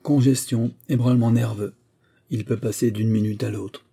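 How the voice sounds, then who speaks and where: A man voicing a distressed young gentleman in an audiobook, speaking urgently and a little higher. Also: fairly even intonation, moderate pace, creaky, breathy edge. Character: anxious young gentleman, distressed student friend.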